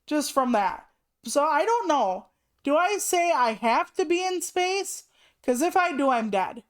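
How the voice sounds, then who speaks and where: A woman's voice: high voice, very animated, a little slow. A woman in her late thirties chatting casually on a live stream, rambling through asides and swearing freely. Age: 30s. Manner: rambling asides with many "like" fillers.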